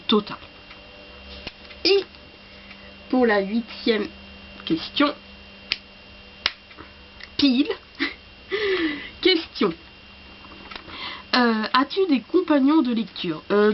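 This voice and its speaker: Woman, head cold, coughing, slow apologetic book chat, faint background hum. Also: medium pitch, lo-fi sound. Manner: halting and apologetic. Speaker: book vlogger. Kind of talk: casual chat to camera.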